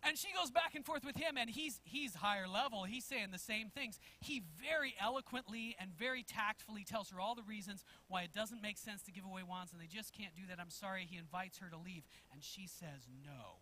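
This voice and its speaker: A man preaching a sermon as pastor in a church, telling a story in an animated way and chuckling as he goes. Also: high-pitched, fairly quick, few pauses, a little hiss or hum. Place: church sanctuary.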